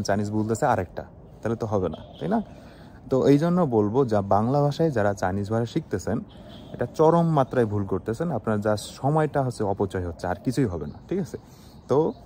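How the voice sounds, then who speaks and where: A man's voice: medium pitch, warm tone, slight background noise. A young man from Bangladesh giving a casual spoken lesson on learning Chinese, often checking in with his listeners. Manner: conversational, with frequent "ঠিক আছে?" checks. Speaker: Chinese language teacher.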